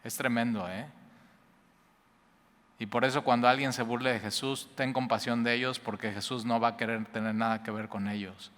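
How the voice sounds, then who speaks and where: Man, pastor, conversational sermon, bright voice, long hall reverb. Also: medium pitch, normal speed. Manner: lively, talks straight to listeners with asides and laughs.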